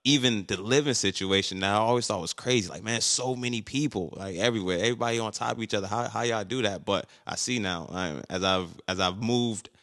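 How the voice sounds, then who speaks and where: Laid-back man, bright voice. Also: fairly low pitch, a little fast, few pauses. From Buffalo, New York. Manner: laid-back, full of fillers like "you know what I mean". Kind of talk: casual chat.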